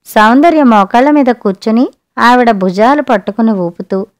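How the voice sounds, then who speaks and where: A woman narrating a short story for an audiobook with a steady, expressive reading. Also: fairly high pitch, normal speed.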